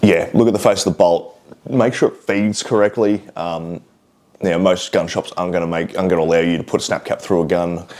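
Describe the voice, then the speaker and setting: A man's voice: low voice, steady tone, fairly quick, a little mellow. An Australian man hosting a hunting channel, who reads out viewer comments and answers questions in a blunt, sardonic and heavily profane way. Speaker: host of a hunting and shooting channel. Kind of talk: casual vlog, reading comments and answering questions.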